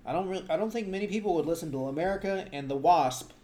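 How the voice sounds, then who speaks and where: A man's voice: sits high, fast talker, a little mellow. Tipsy young man, blunt and slangy. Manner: blunt, swears casually, hedges with "like". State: tipsy after a few beers. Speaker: podcast co-host. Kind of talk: casual chat.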